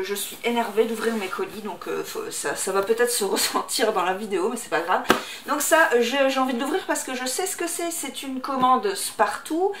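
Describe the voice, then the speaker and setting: A woman's voice: a little high, a bit bright. A woman vlogger chatting to camera at home while unboxing, hesitant and full of fillers. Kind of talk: casual chat to camera. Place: room at home, indoors. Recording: echoey room with background noise.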